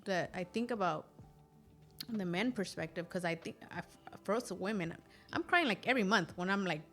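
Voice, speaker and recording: A woman co-hosting a podcast in casual conversation, chiming in quick agreements and sharing her own stories expressively. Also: mid-range voice, faint music behind. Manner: supportive, frequent short agreements, expressive. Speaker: podcast co-host.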